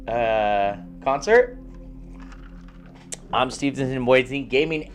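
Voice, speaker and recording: A man hosting a live gaming stream in casual chat, giving upbeat shout-outs to viewers. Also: on the high side.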